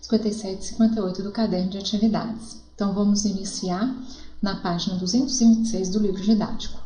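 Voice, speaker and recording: A woman's voice: medium pitch, steady tone, fast talker, mellow, roomy sound, low-quality recording. A woman teacher with a Brazilian Portuguese accent, explaining a lesson step by step and checking in with her students often. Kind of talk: classroom lesson.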